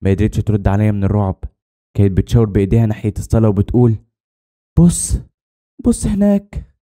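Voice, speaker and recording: A man narrating a horror story in the first person, in a rapid, tense scripted telling. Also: lowish voice, little pitch movement, warm tone.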